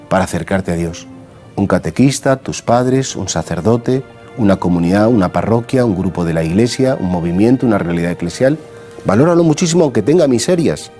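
A man's voice: medium pitch, dark tone. A middle-aged man with a Spanish accent, a priest giving a conversational gospel homily, asking earnest rhetorical questions. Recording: faint background music.

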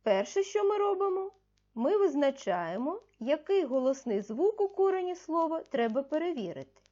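A woman primary school teacher giving a recorded video lesson to young pupils, patiently asking questions and answering them herself, slowly stressing key words. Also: high-pitched, big pitch swings, warm tone, lo-fi sound.

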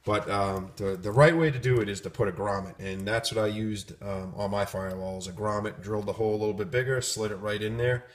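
Rambling low-voiced man in a garage. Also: fairly even intonation, brisk, few pauses. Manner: rambling, lots of ums and restarts. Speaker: garage vlogger showing hardware kits. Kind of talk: casual off-the-cuff product walkthrough. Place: garage workshop indoors. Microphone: handheld phone camera, speaker off-screen.

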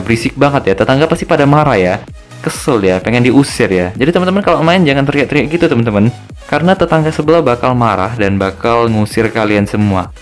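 A young man gives casual, joking commentary over a mobile game, tacking little tag words onto his phrases. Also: medium pitch. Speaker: gaming video host.

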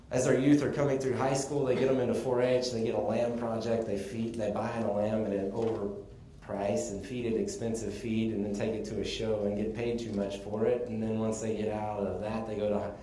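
A man from Texas gives a casual conference presentation, explaining things in a relaxed way with the odd chuckle. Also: on the low side, a little hiss or hum. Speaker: conference speaker on sheep breeding. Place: conference room. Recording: echoey conference room, faint ambience.

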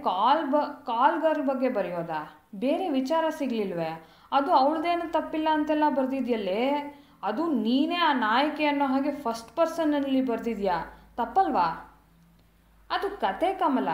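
A woman voicing a prudish female friend who scolds with sharp, scornful exclamations. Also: high-pitched, animated, measured pace, roomy sound. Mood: disgusted scolding.

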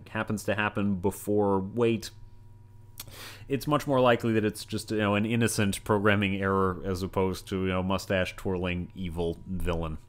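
Guy lecturing on computing, smooth clear voice, lots of asides and analogies. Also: fairly low pitch. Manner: rambling, with many asides and everyday analogies. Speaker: university lecturer. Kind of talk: recorded lecture.

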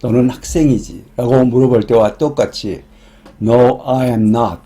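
A man explaining English grammar in a scripted lesson, reading each example sentence slowly and deliberately. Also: medium pitch, steady tone, mellow. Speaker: English teacher.

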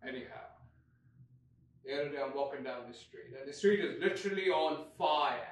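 A man's voice: a little high, a little hiss or hum, lightly acted. A man playing a sardonic tiger ghost. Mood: wry. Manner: wry, rambling storyteller, swings loud and soft. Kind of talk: solo stage monologue. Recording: echoey room, mic far off.

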